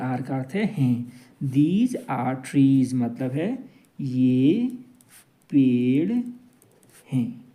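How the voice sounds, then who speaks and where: A man's voice: mid-range voice, warm tone. A man teaching an English grammar lesson, drawing out each example sentence. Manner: slow, drawn-out example sentences.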